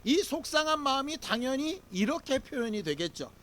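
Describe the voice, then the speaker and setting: A man's voice: very high voice, very animated, moderate pace, a bit bright. A man preaching a Sunday sermon as pastor, talking in a conversational way with rhetorical questions and leading the congregation in reading scripture aloud.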